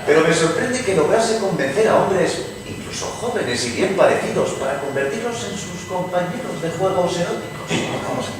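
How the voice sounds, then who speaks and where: A man's voice: sits high, animated, moderate pace, hardly any pauses. A man playing a caustic, mocking English poet lord in a dramatized reading, with ornate, insinuating delivery. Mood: mocking, amused. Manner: wry, insinuating, ornate oratory. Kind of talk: dramatized radio theatre reading. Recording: distant, very echoey noisy room.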